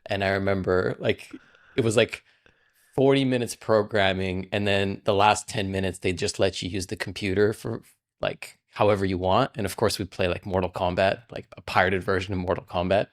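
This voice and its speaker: A deep-voiced Russian man in his forties, a game programmer, chats casually as a podcast guest at normal speed with fairly even intonation. It's an interview-style conversation where he rambles and peppers nearly every thought with "like."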